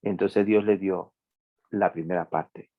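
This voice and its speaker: A man pastor reviewing a Bible study lesson in a conversation, animated and full of hesitations and restarts. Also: sits low, slow pace, narrow, tinny audio. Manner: animated, acts out everyday people in anecdotes.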